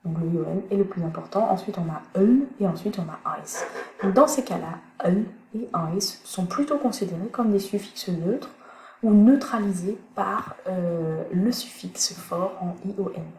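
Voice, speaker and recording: A woman teaching English pronunciation in a recorded online lesson, thinking aloud with many pauses as she searches for words. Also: medium pitch, darkish tone. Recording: echoey room, faint background noise.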